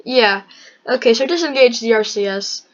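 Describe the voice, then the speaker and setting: High-voiced woman, wry game commentary. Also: normal speed. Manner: mock-formal, wry, slips into put-on accents. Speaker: gameplay narrator. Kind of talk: gameplay commentary. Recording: dull lo-fi microphone.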